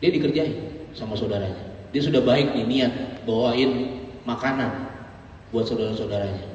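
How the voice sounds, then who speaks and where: A man preaching a lively, casual youth sermon, joking and acting out voices. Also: mid-range voice, normal speed, a little hiss or hum. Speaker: pastor. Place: church hall. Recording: echoey hall, distant mic.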